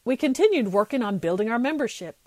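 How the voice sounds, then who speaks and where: Animated, higher-voiced woman narrating. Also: fast, dry recording. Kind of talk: scripted documentary narration.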